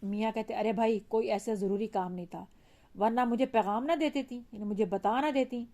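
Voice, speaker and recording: A woman's voice: fairly high pitch, moderate pace. Woman explaining an Urdu lesson. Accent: Pakistani Urdu. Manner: reads the dialogue with raised, animated voices, then explains in a calmer voice. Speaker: teacher. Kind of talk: reading aloud a Urdu lesson and explaining it line by line.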